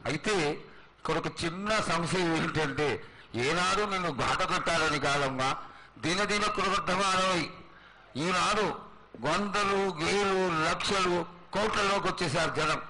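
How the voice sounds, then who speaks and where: Higher-pitched man, reverent priestly supplication. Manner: formal, supplicating, in measured short phrases. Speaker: priest questioning the oracle. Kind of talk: reverent ceremonial address to a goddess. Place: live temple festival ceremony. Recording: noisy live festival sound.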